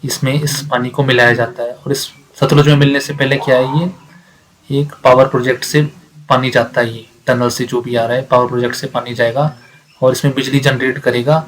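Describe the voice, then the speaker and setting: Poor audio captures a brisk male lecturer with a medium-pitched voice that barely moves in pitch. Explaining exam facts, he restates the important points, raises questions only to answer them himself, and blends in English readings.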